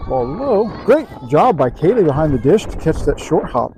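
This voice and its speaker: Upbeat man calling youth softball outdoors. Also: a little high, sing-song, a little fast. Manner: upbeat, calls plays then chats casually with fillers. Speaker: play-by-play announcer. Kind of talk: youth softball play-by-play commentary. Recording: noisy outdoor field sound.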